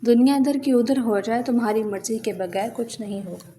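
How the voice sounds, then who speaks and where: A woman's voice: on the high side, mellow, slight background noise, natural voice. A woman voicing a worried, loving older brother in a storybook reading who speaks in a tender, pleading way.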